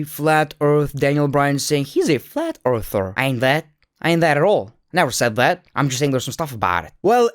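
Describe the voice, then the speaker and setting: A man's voice: on the high side, no room sound, studio quality. A man hosting casual, opinionated wrestling reaction commentary, joking, sarcastic and swearing freely.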